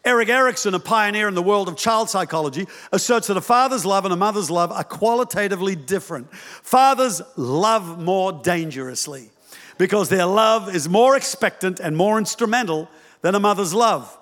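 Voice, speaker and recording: A high-pitched man preaches a sermon from the pulpit, with a long echo from the church hall around him. He is animated and humorous and acts out little voices as he speaks. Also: moderate pace. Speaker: pastor.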